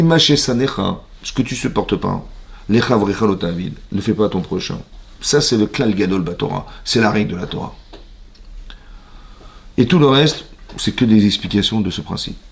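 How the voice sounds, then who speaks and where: A man with a French accent, a rabbi teaching a Torah lesson in a synagogue, lively, asking the audience questions and acting out little dialogues. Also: fairly low pitch, gravelly.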